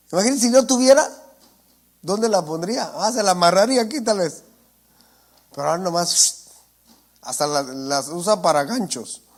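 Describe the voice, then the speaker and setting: A man's voice: sits high, animated, normal speed, pauses often. A male preacher, giving a sermon and often asking his congregation "¿entiende?". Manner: asks the congregation for assent, calls them brothers. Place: church.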